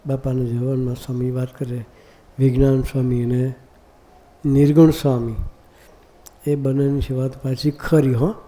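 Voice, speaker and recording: A man delivers a devotional sermon in a deep, mellow voice. His pitch stays steady and level, and he keeps turning to the audience with rhetorical questions. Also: normal speed, long pauses. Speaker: monk preacher. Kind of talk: devotional discourse.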